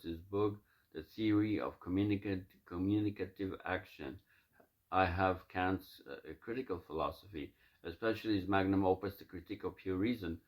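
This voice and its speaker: A man recording himself talking through his plans and then reading aloud from his own notes, halting and full of fillers and restarts. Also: deep voice. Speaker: self-recording reader of his own writings.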